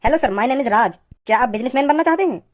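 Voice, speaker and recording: A woman voicing a pushy, smooth-talking male lottery salesman in a cartoon, rattling off a persuasive sales pitch. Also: animated. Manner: persuasive, fast sales patter. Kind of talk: cartoon voice acting.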